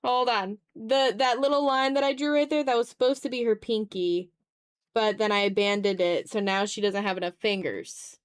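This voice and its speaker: A woman runs an art stream, chatting informally as she draws and frequently muttering to herself. She speaks at a normal speed in a fairly high, steady voice that is clear and resonant.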